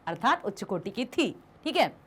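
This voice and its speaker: Lively young woman teaching a class. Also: medium pitch, normal speed, breathy edge. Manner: lively, animated explaining with rhetorical questions to students; addresses students affectionately as "beta". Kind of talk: Hindi class revision lesson.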